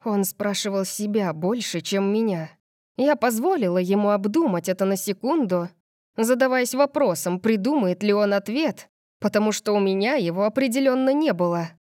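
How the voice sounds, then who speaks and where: A woman narrating a first-person audiobook in an expressive manner. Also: medium pitch, moderate pace, dry recording, clean studio sound.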